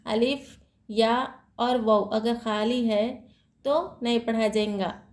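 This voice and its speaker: A woman's voice: fairly high pitch, steady tone, slow pace, roomy sound. A woman teaching Quran reading rules in an online lesson, explaining patiently, repeating each rule and asking and answering her own questions.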